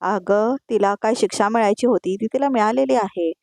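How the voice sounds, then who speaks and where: A woman's voice: mid-range voice, normal speed, gravelly, a little mellow, no echo, clean studio sound, close to an everyday voice. A woman voicing a confident, teasing young husband with a mocking tone, in a voice-over retelling. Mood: chiding.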